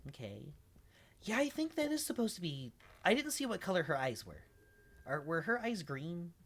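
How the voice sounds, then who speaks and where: A woman's voice: lowish voice, big pitch swings, normal speed. A woman streamer chatting and reacting aloud as she plays a game, laughing often. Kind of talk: let's play commentary.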